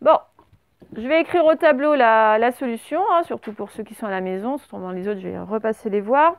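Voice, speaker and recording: A woman teaching a primary class, dictating words slowly and spelling them out letter by letter. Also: fairly high pitch, clear, resonant tone, no echo. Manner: slow, over-articulated dictation of words.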